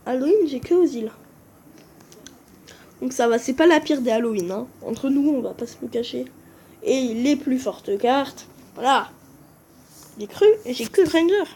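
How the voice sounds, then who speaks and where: Unhurried and high-voiced with a darkish tone, a gaming video creator casually comments on game footage, hesitantly stumbling over names and correcting them. Her phone screen recording has a little hiss or hum.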